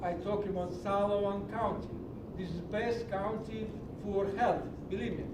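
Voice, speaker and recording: With fairly even intonation and normal speed, a middle-aged man from Greece gives a fervent, preachy public comment in broken English at a county meeting. The audio is distant and echoey, carrying a low rumble from the large meeting hall.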